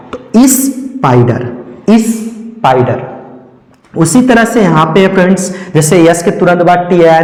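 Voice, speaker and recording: A male English teacher, slowly explaining pronunciation rules and repeating each word several times. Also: fairly high pitch, a little mellow. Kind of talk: classroom lesson on pronunciation. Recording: echoey room with long reverb.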